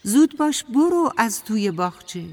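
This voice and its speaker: A bad-tempered apple tree snaps and scolds in sing-song rhymes, voiced by a woman telling a children's tale. Soft music plays underneath. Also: a little high, sing-song, big-room sound, pitched above the performer's own voice. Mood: angry. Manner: scolding, rhyming chant. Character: grumpy angry apple tree, shouting.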